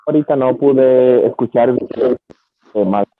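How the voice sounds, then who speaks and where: A man's voice: medium pitch, dry recording. Man on a glitching, cutting-out call. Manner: hesitant, halting with fillers. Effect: glitching, cutting-out call audio. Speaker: caller asking a question. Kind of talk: Bible study over video call. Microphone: phone on a weak internet connection. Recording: tinny, breaking-up phone line from far off.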